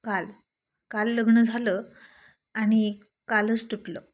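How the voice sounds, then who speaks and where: A woman's voice: a little high, fairly even intonation, slow pace, dull audio. A woman voicing a shy, frightened young bride who speaks hesitantly. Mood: timid.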